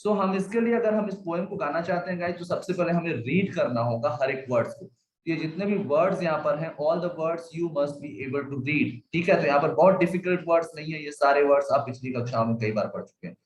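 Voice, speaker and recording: A man with an Indian English accent teaches a class, his voice sitting a little high. He reads lines slowly in a sing-song rhythm and then explains them rapidly. The room echoes, and there is a faint hiss behind him. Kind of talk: bilingual classroom lesson, reciting a poem.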